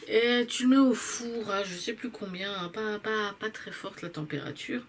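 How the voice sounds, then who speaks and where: A woman's voice: medium pitch, normal speed, slight background noise. Woman, haul vlogger, chatty and rambling, talks to the viewer, self-correcting. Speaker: vlogger reviewing purchases. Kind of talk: casual haul chat.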